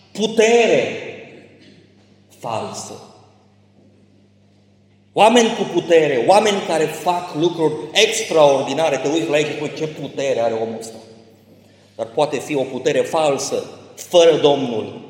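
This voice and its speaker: A man's voice: fairly high pitch, darkish tone. A man preaching an impassioned sermon as a pastor, swelling to emphatic peaks, in a church. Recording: echoey church hall.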